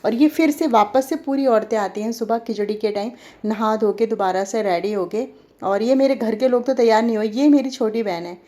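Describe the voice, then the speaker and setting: A woman's voice: on the high side, moderate pace, mellow. A woman in her forties from Delhi, chatting casually over old home video footage and talking straight to her viewers. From Delhi, India. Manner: chatty, talks straight to viewers and asks them questions. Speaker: vlogger.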